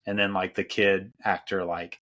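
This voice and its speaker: Low-voiced guy chatting about movies on a podcast, lots of likes and ums. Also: level tone, moderate pace, a bit bright. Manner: rambling, many fillers and restarts. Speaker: podcast host. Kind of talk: casual film discussion.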